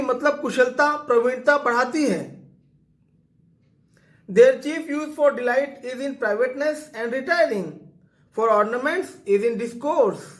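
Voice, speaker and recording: A man with a very high voice gives a line-by-line literature lecture. He reads English quotations slowly and deliberately before explaining them. The sound is roomy and echoey.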